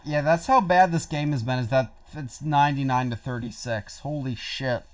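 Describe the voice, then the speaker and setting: A man's voice: mid-range voice, moderate pace. A young man commenting casually while gaming, grumbling and sarcastic about how he is playing. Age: young adult. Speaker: co-host of a gaming video.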